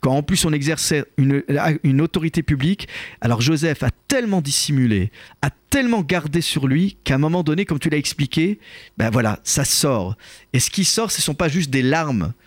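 A man hosting a radio talk show, explaining scripture in a measured, thoughtful way with frequent hesitations. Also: fairly high pitch, lively intonation, no echo, studio quality.

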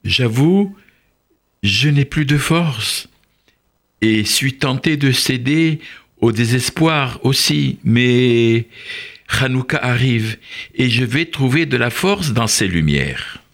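A storyteller voicing a venerable older male rabbi who speaks slowly and solemnly to comfort his fellow prisoners in a storybook tale. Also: medium pitch, animated. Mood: weary. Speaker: rabbi in a camp. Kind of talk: storybook read-aloud.

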